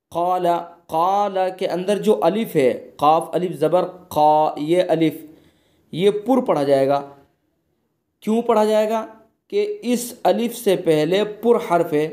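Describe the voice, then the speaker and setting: A man teaching an online recitation lesson goes over each rule patiently and repeats it. His voice sits a little high, and its tone is mellow and dark. He slows right down to chant each example word. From India.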